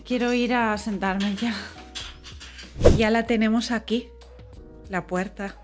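A woman's voice: on the high side, fairly even intonation, takes it slowly, over loud music. A young woman with a Spain Spanish accent, vlogging casually to her viewers, chatty and exclamatory as she thinks aloud during chores. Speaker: home decor vlogger. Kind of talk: casual vlog chat to viewers.

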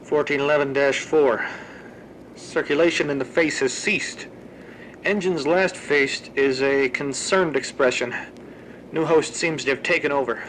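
Slightly high and fairly bright, this man's voice moves at a measured pace as he plays a male researcher logging grim monster experiments. It's scripted audio-log narration for a horror fan drama, delivered tersely and clinically with cool detachment. A little hiss or hum runs under the rough recording.

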